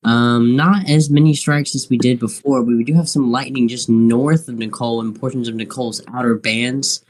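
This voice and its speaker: A man with a mid-pitched voice hosts live weather coverage. He speaks off the cuff and haltingly, often circling back over the same phrases as he thinks aloud. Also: fairly even intonation, a little mellow. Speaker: live weather stream host. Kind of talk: unscripted live weather commentary.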